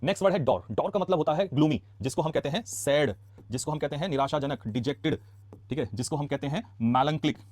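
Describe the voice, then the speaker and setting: A man with an Indian accent teaching English vocabulary in a casual classroom style, asking quick questions and answering them himself. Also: a little high, darkish tone, no room sound. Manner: rapid, chatty, asks quick questions then answers them. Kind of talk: casual classroom lesson explaining words.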